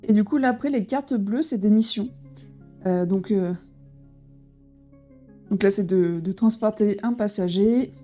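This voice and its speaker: While soft music plays faintly in the background, a woman opens a board game and talks about it in a relaxed but halting way. Her voice is at a typical middle pitch, and her speech is full of fillers and restarts.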